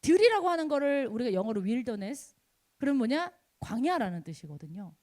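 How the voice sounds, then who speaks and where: A young woman preaching a sermon to college students, acting out dialogue and building to shouts. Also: fairly high pitch, normal speed. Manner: animated, acts out dialogue, rises to shouting. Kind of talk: youth sermon.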